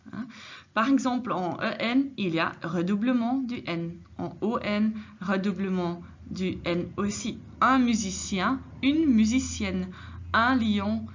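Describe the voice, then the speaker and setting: A woman teaching a grammar lesson, patient and explanatory, often adding a tag "hein". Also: medium pitch. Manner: patient, many filler "hein"s, switches into Dutch for translations. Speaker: French teacher. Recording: slightly dull lo-fi recording.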